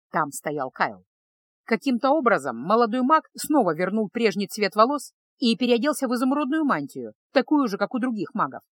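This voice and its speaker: A woman reading an audiobook as narrator, in an even, unhurried manner. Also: medium pitch, dry recording. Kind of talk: scripted narration.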